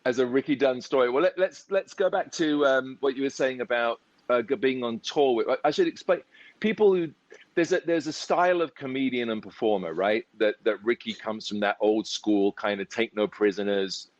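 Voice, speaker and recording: Male host, casual rambling chat, mid-pitched voice, dead-dry recording. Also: normal speed, dry recording, lo-fi sound. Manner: rambling, repeats words. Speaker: podcast host.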